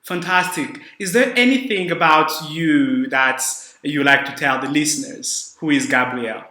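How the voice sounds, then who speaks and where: Bright-voiced young podcast host, echoey. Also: male voice, on the high side, measured pace. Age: young adult. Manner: hesitant, repeats words, many fillers. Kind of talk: podcast interview. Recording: echoey room.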